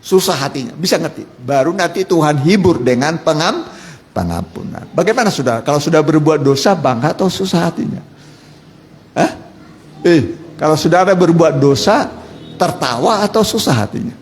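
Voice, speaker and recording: A man's voice: a little high, animated, moderate pace. A man preaching an interactive sermon, quizzing the congregation, joking and repeating key words. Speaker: pastor. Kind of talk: interactive sermon with call and response. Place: church hall. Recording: echoey church hall with faint noise.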